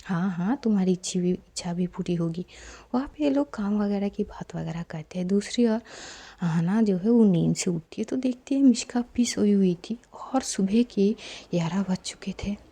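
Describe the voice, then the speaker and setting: A woman narrating a spoken love story in a soft, half-whispered telling, and signing off to listeners. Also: mid-range voice, animated, moderate pace, gravelly.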